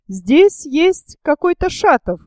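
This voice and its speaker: Vain elderly male writer in a storybook reading, self-important, with a mellow high sugary squeak, voiced by a woman. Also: sing-song, slow pace, no room sound, studio quality, full character voice. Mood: smug gossip. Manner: affected, sugary squeak when fawning.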